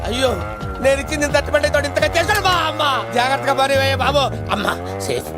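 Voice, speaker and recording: An actor playing a bumbling fake godman in a film comedy, excitable and swinging between squeaks and growls. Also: very fast. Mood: panicky. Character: bumbling fake godman Banana Baba, male. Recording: film soundtrack with loud music.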